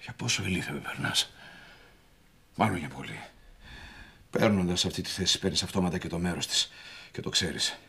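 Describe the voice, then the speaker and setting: An actor playing a middle-aged magazine boss who accuses a colleague of betrayal, furious and shifting from hushed to shouting. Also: male voice, on the low side, lightly acted. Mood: bitter. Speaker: magazine owner. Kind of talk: TV soap drama acting.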